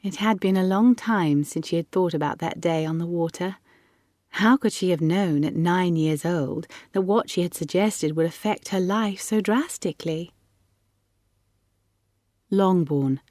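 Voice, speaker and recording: A woman narrating a short story audiobook in a measured storytelling manner. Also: fairly low pitch, dark tone, no echo, studio quality. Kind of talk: scripted narration.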